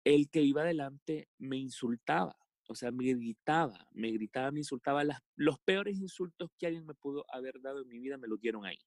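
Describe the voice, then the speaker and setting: A man from El Salvador with a Salvadoran accent, telling a personal story as a podcast guest in a halting way, with many fillers and restarts. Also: medium pitch, darkish tone, dry recording, studio quality. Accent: Salvadoran Spanish.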